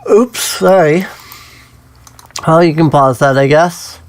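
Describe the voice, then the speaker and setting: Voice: mid-range voice, takes it slowly. A let's play host giving casual gameplay commentary, musing aloud a little hesitantly. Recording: game music behind the voice. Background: video game music with plucked guitar.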